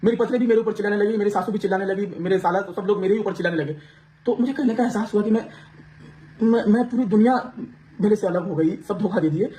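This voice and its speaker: A man's voice: sits high, racing, dark tone, slight background noise. A man vlogging to his viewers, pouring out an aggrieved personal account with many restarts. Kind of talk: emotional personal account to camera.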